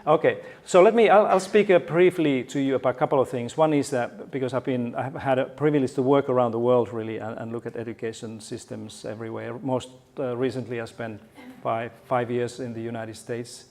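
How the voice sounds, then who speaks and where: A middle-aged man with a Finnish accent, originally from Finland, gives a conference keynote in a steady, darkish medium-pitched voice. He talks fairly quickly with few pauses, staying friendly and playful while frequently restarting sentences.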